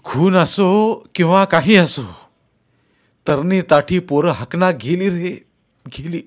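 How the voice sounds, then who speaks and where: A man's voice: high voice, takes it slowly, pitched above the performer's own voice. A man doing a shaky, frightened old father. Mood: grieving. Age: older. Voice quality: trembling, agitated, tearful.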